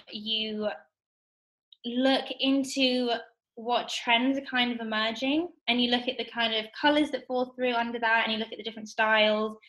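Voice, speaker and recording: Fairly high in pitch and heard through poor audio, this twenty-something assistant buyer is a guest in an informal interview. She explains what she does brightly and briskly, with frequent "like" and "kind of".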